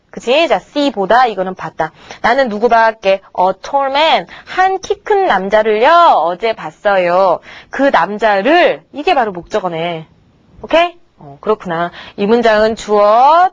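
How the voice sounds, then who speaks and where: A woman's voice: medium pitch, no room sound, lo-fi sound. A woman teacher giving a grammar lecture to middle-school students, chatty and coaxing, checking in with her class again and again. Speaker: English teacher.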